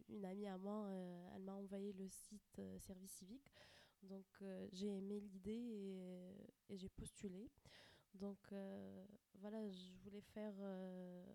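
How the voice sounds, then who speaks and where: A young woman from Tunisia, a student answering interview questions. Her voice is mellow and even, and she hesitates often with fillers. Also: medium pitch, creaky, no room sound. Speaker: student guest.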